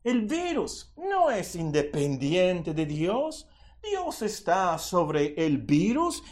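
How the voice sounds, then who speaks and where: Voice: mid-range voice, very slow. A preacher giving a Bible lesson to children and adults, telling stories with playful asides. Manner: animated storytelling with playful asides.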